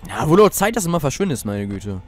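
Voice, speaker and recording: A man's voice: a little high, very animated, quick pace, faint music behind. A teenage boy playing a horror game, jumpy and swearing often as he talks to his viewers. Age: teens. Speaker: let's player.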